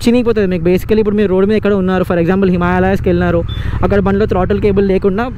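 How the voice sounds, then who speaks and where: Young male motovlogger, high voice, quick, lapel mic outdoors. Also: level tone, highs cut off, noisy background. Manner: fast, explanatory, mixing in English. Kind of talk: explaining bike features while riding. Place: outdoors on a moving motorcycle, road noise. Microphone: lapel mic on the rider.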